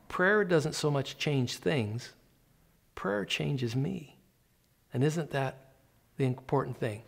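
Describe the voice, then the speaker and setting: A man in his fifties, a pastor, preaching a sermon in an earnest, conversational way and slowing down to stress key lines. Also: a little high, gravelly. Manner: earnest, conversational preaching with slow emphatic pauses. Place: indoor church office set.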